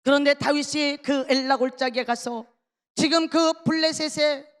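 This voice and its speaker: A woman's voice: high voice, steady tone, moderate pace. A woman pastor preaching a sermon, firing rhetorical questions and calling out to the congregation again and again. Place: large worship hall. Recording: long reverb of a large hall.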